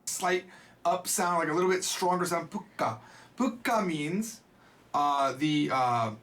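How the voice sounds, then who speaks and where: A man's voice: fairly high pitch, unhurried, fairly bright tone. A man giving a casual Japanese lesson, with playful, jokey asides. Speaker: Japanese teacher.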